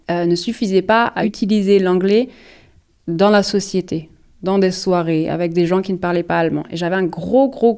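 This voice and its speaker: A French woman co-hosting a podcast, chatting casually, often pausing to search for words and laughing easily. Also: medium pitch, dark tone. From France. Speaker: podcast co-host. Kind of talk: casual chat.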